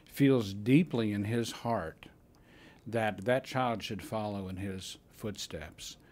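A man's voice: fairly low pitch, slow pace, darkish tone. An older man, a film co-producer, earnestly explaining in a convention interview into a handheld mic. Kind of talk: interview answer. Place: convention room before a poster wall. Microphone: handheld mic held by the interviewer.

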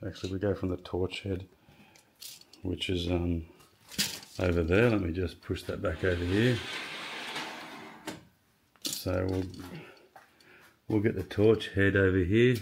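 A man casually walking through his workshop build, halting often with ums and restarts as he measures and explains. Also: low voice, fairly even intonation, creaky, a little mellow, a little hiss or hum. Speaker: home builder showing his project. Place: home garage workshop.

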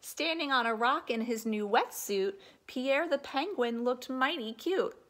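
This woman, roughly in her thirties, has a high voice and reads a picture book for children in the style of an elementary school teacher. She delivers it expressively and deliberately from her living room, pausing for explanatory comments.

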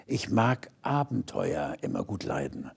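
A man's voice: low voice, very animated, a little slow, vocal fry, darkish tone, husky, voice pushed down, heavily acted. A man voicing a small, friendly and adventurous wood mouse in a storybook reading, with an eager manner.

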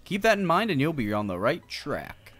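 This streamer, a man in his thirties, jokes his way through a game indoors, musing out loud with the occasional curse while video game music runs behind him. His voice is a little high and husky, fairly bright, with huge pitch swings at a normal speed.

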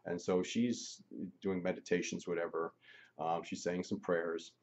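A man's voice: low voice, flat delivery, unhurried, a little mellow, lo-fi sound. A man telling a personal story in a casual, chatty way, with frequent ums and laughs. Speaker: channel host.

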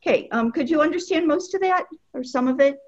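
A woman teaching a language lesson, speaking patiently and repeating each phrase slowly so learners can follow. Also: high voice, lively intonation, dull audio. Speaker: Arabic teacher.

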